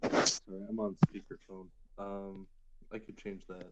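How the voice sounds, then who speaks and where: A man calling in to a live stream on speakerphone, talking in a casual, halting way. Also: deep voice, flat delivery. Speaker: caller. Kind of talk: casual chat. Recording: muffled speakerphone line with noise.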